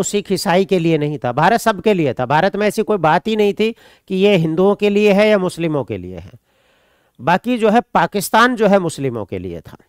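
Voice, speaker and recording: A man's voice: high-pitched, clean tone, no echo, clean studio sound. A man from India, teaching an online exam-prep class. He repeats points, dictates notes and answers students' questions.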